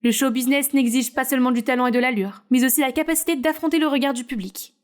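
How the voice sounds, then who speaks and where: A woman narrates a short drama story in a high voice. Her delivery is smooth and even, as scripted storytelling. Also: fast talker.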